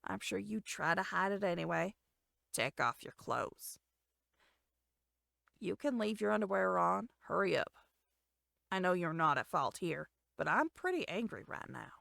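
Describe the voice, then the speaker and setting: A cold, possessive young man from a romance game speaks low and controlled, his threats quiet and even, as a woman acts him out. The voice carries a gravelly edge and sits close and dry on the mic. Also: unhurried, pauses often, dry recording, heavily acted. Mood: cold, commanding. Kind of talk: game dialogue voice acting.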